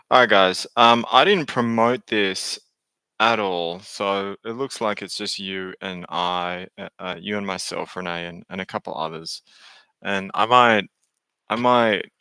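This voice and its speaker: A man with a very low, gravelly voice and a bright edge talks slowly on a live stream. He is hesitant and candid and keeps restarting his sentences. The sound is dry and close. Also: dry recording. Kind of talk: casual live stream chat.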